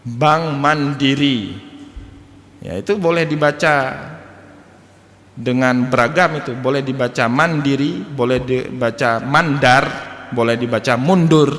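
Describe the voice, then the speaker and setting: Male lecturer, mid pitch, animated teaching style, recorded in a reverberant mosque hall. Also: a little slow, long pauses. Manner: lively teaching, jokes and chuckles, spells out letters. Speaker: Islamic lecturer.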